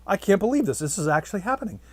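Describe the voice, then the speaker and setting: A man's voice: high-pitched, very fast, no room sound, pitched above the performer's own voice. A man putting on a giddy, astonished guy whose voice jumps well above his usual register. He sounds eager and disbelieving, in a dry, close recording. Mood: amazed, eager. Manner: excited, disbelieving.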